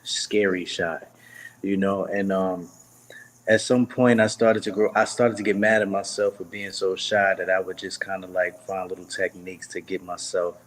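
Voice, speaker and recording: A man's voice: deep voice, flat delivery, normal speed, a little hiss or hum. A young man, chatting as an interview guest, rambling with lots of fillers and restarts. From Brooklyn, New York. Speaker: guest singer. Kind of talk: casual interview.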